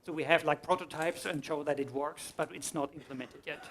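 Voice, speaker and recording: Fairly high-voiced man taking questions. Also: steady tone, a little fast, fairly bright tone. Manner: explanatory, restarts mid-sentence. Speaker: conference speaker. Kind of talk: answering audience questions. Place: conference hall.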